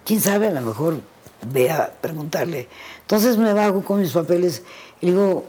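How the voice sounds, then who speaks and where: A woman's voice: lowish voice, moderate pace, slightly rough. A woman, a pianist, telling anecdotes in an interview, acting out the voices in her stories. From Mexico. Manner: animated storyteller who acts out the voices in her anecdotes. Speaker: pianist guest. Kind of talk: storytelling in an interview.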